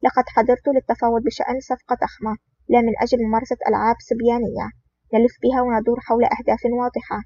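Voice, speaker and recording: A reader speaks as a cool, sardonic male agent who mocks with calm ease. The delivery is quick, and the audiobook recording sounds dull and lo-fi with a faint hiss. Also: medium pitch, close to an everyday voice. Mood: calm mocking. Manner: mocking, calm. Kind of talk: audiobook reading.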